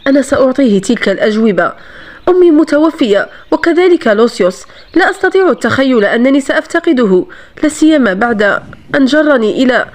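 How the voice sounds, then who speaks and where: A woman reading the part of a proud, bitter young woman in a novel, speaking in a haughty, defiant way. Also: high-pitched.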